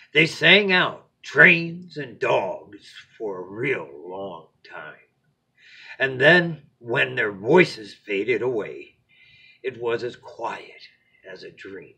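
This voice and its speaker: With a husky, medium-pitched voice, a man expressively reads a children's picture book aloud at bedtime. He uses dramatic pauses and lets some phrases fall to a hush.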